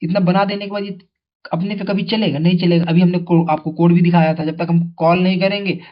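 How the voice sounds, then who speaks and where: A male teacher with a high-pitched, level voice gives a brisk, chatty exam coaching lesson, asking students questions and repeating their answers. He calls viewers "brother," and the sound is dull and lo-fi.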